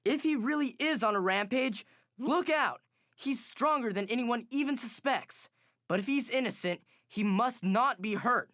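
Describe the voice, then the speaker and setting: Earnest cartoon teen boy, boyish, higher-set, dry and close sound. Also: lively intonation, normal speed, a bit bright, no room sound. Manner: boyish enthusiasm. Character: eager, earnest teenage boy sidekick. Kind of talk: animated superhero comic voice acting.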